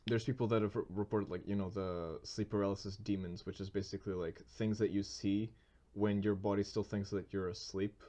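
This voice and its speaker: A man's voice: on the low side, fairly even intonation, brisk, dark tone. A man co-hosting a podcast, telling a long story in casual chat, full of fillers, restarts and bursts of laughter. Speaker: podcast co-host.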